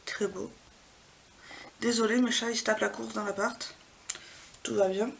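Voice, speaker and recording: Woman, beauty vlogger, soft-spoken, near whisper at times, creaky, mid-pitched, at home. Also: fairly even intonation, normal speed, slight background noise, low-quality recording. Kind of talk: casual product swatch walkthrough. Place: home apartment.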